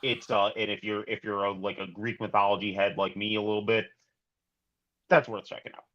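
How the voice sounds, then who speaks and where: A man co-hosting a casual film review podcast, enthusiastic and halting with restarts. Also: lowish voice, little pitch movement, highs cut off. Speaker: podcast co-host.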